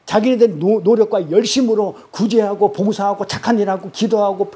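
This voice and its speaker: A man's voice: high voice, fairly even intonation, a little fast, warm tone. A male pastor preaching a sermon in a conversational, emphatic way, firing off rhetorical questions. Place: church.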